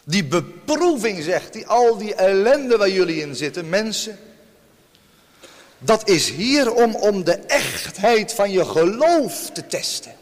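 A man preaching a sermon to his congregation, emphatic, with sharp swings in pitch and loudness. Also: very animated, takes it slowly. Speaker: pastor. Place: church. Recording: long church reverb.

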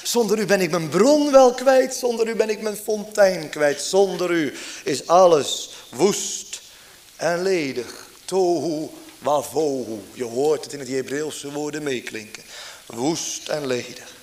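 A man's voice: fairly high pitch, a little slow, a little mellow. A man preaching a fervent sermon, pleading with his listeners and asking them question after question.

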